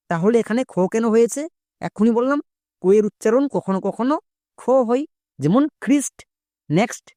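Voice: mid-range voice, darkish tone, no room sound, clean studio sound. A Bengali-speaking teacher giving an online English pronunciation lesson, spelling words out letter by letter and quizzing viewers with questions.

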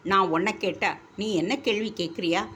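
A woman voicing a wealthy young man who fires off sharp, commanding questions. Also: medium pitch, moderate pace, a little hiss or hum, pitched above the performer's own voice, lightly acted. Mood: demanding. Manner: brusque, demanding questions.

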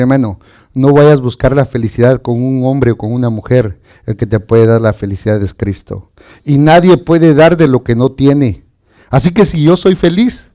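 A man preaching a lively sermon, often chuckling and calling his listeners brother. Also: mid-range voice.

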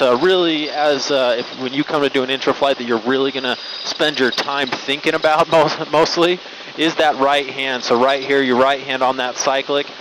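A man working as a helicopter flight instructor, explaining casually and with enthusiasm as he flies, reassuring in manner, speaking into a headset mic. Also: medium pitch. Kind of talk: casual explanatory narration while flying. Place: small helicopter cockpit in flight. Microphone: aviation helmet headset mic. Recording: loud helicopter cabin noise, headset audio. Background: helicopter engine and rotor noise.

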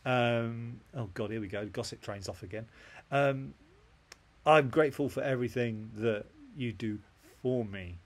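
English man, husky voice, sweary, flippant, jokey vlog chat. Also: mid-range voice, a little slow. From England. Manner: profane, flippant, joking. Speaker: author. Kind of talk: casual vlog monologue.

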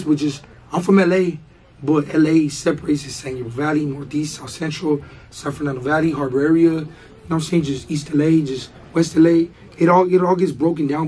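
A hoarse young man chats as an interview guest, rambling through slang, fillers and restarts. His voice is husky and a touch high, and it sits in a dark, mellow tone. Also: low-quality recording. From Baldwin Park, Los Angeles. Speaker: rapper guest. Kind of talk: casual interview chat.

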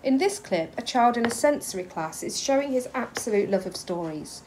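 A woman's voice: fairly high pitch, lively intonation, moderate pace, noisy background. A woman giving scripted, explanatory narration for an educational video.

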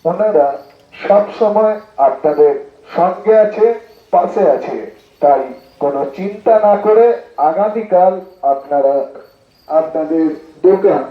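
A man makes a formal public announcement through a megaphone, declaiming in measured short phrases with pauses. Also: high voice. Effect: amplified through a megaphone. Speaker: political party announcer. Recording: echoey, dull lo-fi loudspeaker sound.

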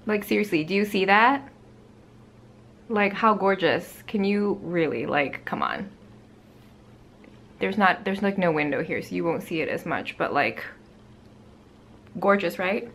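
A woman's voice: on the low side, animated, a little slow, long pauses, fairly bright tone. Chatty woman reviewing makeup. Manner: chatty, lots of "like", gushing. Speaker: beauty vlogger. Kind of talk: casual product review. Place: bright home room with plants.

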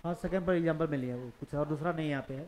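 A man's voice: on the high side, rapid-fire, a little mellow, a little hiss or hum. A male physics teacher lecturing a class of students, mixing Hindi and English, dictating notes and quizzing them with questions. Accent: Hindi-English mixed, Jharkhand region.

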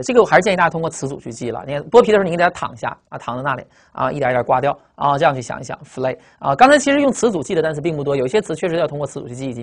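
An English vocabulary teacher, lecturing in an emphatic way and trailing phrases with drawn-out particles. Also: mid-range voice.

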